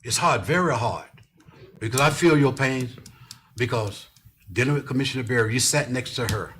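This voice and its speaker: Emotional mayor, repeats himself. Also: male voice, medium pitch, normal speed, a bit bright, a little hiss or hum. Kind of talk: city commission meeting chairing. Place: council chamber.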